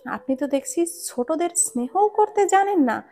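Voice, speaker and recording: A woman's voice: high voice, animated, moderate pace, voice pushed up. A woman reading a storybook romance aloud, voicing a stubborn young bride who talks back sharply. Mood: defiant. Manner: sharp, defiant, whiny.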